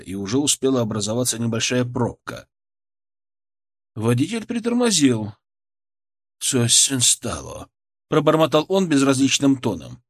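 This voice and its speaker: A man narrating a first-person story, reading it as an audiobook with lively, varied intonation. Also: medium pitch.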